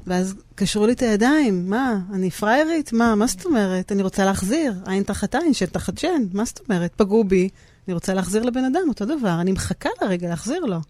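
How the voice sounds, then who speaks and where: A middle-aged woman, a guest on a podcast conversation, explaining ideas about forgiveness and decisions by acting out everyday examples in an animated way. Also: mid-range voice, no room sound. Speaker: guest speaker on decision-making.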